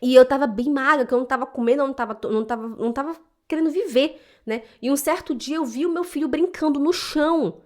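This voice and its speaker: Emotional woman with a higher voice. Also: fast talker, hardly any pauses. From Brazil (Belém do Pará). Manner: emotional, animated, tags sentences with "né?". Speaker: German teacher. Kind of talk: personal storytelling to camera. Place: lives in German-speaking Switzerland.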